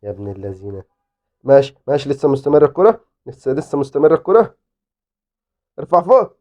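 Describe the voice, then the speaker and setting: A man with an Egyptian Arabic accent, giving excitable live commentary on his own football game as a gaming YouTuber. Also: mid-range voice, fast, highs cut off. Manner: excitable, exclaiming and pleading at the game.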